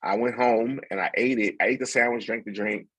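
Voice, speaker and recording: A young man, a podcast guest, telling a story in a relaxed, rambling way with plenty of fillers and restarts. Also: mid-range voice, a little fast, slightly rough, no echo, poor audio. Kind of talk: casual storytelling.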